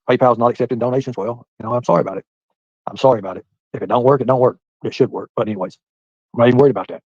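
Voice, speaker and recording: A man in his forties with a mid-range voice reads his live-stream chat, rambling casually and speaking straight to viewers by name. The sound is dry and muffled.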